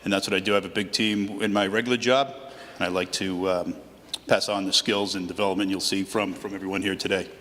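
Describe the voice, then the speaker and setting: A man's voice: low-pitched, fairly even intonation, fast talker, pushed and bright. A man who works as a sales director, introducing himself to a group in an easygoing, jokey way. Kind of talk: spoken self-introduction. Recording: long reverb in a large room.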